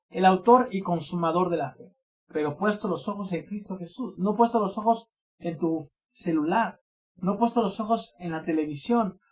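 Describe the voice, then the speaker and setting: A man delivering an impassioned sermon. He leans on repetition and direct address to his congregation, dropping to near-murmurs before bursting out again. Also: sits high. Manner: impassioned preaching, swings from loud exclamations to hushed asides; repeats phrases for emphasis, addresses listeners as brothers. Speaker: pastor.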